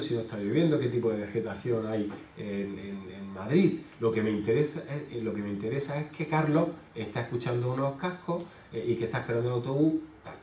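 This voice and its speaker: Male lecturer, halting explanatory delivery, distant mic in a reverberant hall, faint background noise. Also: medium pitch, a little mellow. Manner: explanatory, many hesitation fillers. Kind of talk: conference talk. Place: conference hall. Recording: roomy hall sound from far off.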